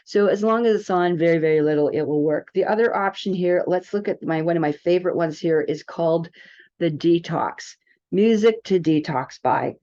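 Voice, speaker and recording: The speaker is a woman with a lowish, mellow voice and a moderate pace, presenting a wellness app in an informal tutorial. She chats loosely and rambles a little, recorded in dull, lo-fi sound.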